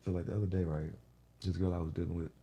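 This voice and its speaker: A man's voice: low-pitched, little pitch movement, racing, slightly rough, highs cut off. A young man hosting a podcast, telling a story in a casual, slangy way full of profanity. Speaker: podcast host.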